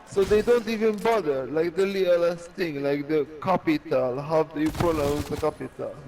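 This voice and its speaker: A man's voice: on the high side, moderate pace, darkish tone, distant mic, slight background noise, rough recording. A man with a Hungarian accent, chatting casually as a podcast co-host and rambling with many restarts and fillers. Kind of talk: casual chat.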